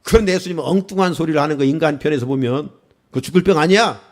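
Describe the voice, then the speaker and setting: A man's voice: fairly high pitch, fast. A male pastor preaching a sermon, asking the congregation questions and rising into exclamations.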